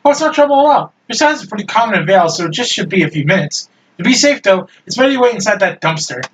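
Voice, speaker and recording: A man's voice: high voice, very animated, quick pace, fairly bright tone. A man voicing a cheerful, polite android girl who talks in a formal, chirpy, apologetic way. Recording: distant mic, faint music.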